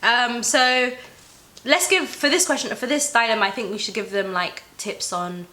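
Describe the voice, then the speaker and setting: A woman's voice: fairly high pitch, moderate pace, a crowd in the background. A young woman hosting a casual advice chat, talking in a chatty, informal and encouraging way. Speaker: talk show host.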